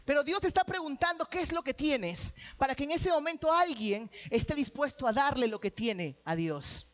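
High-voiced man preaching with jokes. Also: lively intonation, normal speed, a bit bright. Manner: joking with the congregation; calls out to the audience. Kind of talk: sermon. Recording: dull lo-fi sound.

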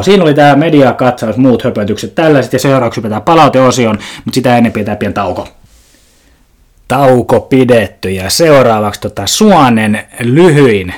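Rambling sarcastic Finnish-speaking male podcast host. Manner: rambling, sarcastic, swears, jumps to high mock-indignant pitch. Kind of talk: casual comedic monologue.

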